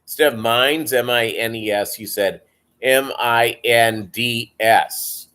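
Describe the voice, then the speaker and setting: Male livestream host, deep Southern US accent, mid-pitched, unhurried, rambling casual chat. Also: bright, forceful tone. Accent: deep Southern American. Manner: rambling, halting delivery, reading and answering viewer comments. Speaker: live stream host.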